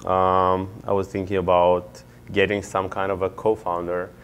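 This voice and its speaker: Very deep-voiced man. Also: monotone, normal speed, slight background noise. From Israel. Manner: earnest, explanatory, with occasional fillers. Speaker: MBA student and startup founder. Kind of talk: answering interview questions.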